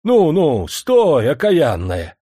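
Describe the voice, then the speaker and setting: A man voicing an anxious servant coachman who talks excitedly and fawningly. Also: sits high, moderate pace, no echo, studio quality, voice pushed up. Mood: shouting.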